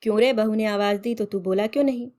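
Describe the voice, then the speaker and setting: A woman's voice: medium pitch, fairly even intonation, fast, a little mellow, close to an everyday voice. A woman voicing a strict, old-fashioned village mother-in-law who scolds in rustic turns of phrase. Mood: scolding.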